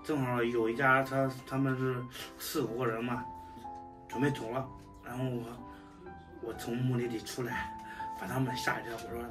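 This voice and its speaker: A man's voice: medium pitch, little pitch movement, normal speed, far from the mic. A man, chatting casually as a vlogger. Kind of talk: casual vlog chat. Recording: background music, voice off from mic. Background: music.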